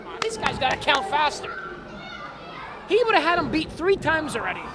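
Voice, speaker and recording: A man's voice: extremely high pitch, big pitch swings, moderate pace. A man giving opinionated, openly partisan color commentary on live wrestling. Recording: loud crowd noise behind. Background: wrestling event crowd.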